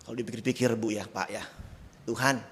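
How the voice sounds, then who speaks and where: A man's voice: mid-range voice, a little fast, a bit bright, long reverb tail, a little hiss or hum. A male pastor preaching a sermon in a church, conversational and laced with self-deprecating humor. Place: church sanctuary.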